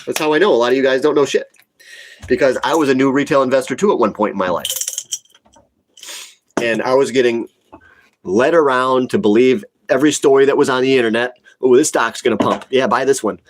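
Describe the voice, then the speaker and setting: A blunt man around forty, sick with a cold and sniffling, hosts a livestream as a retail investor, casually answering viewer comments. His mid-range voice moves fairly quickly with long pauses, over a little hiss or hum, and he's opinionated, repeating himself for emphasis.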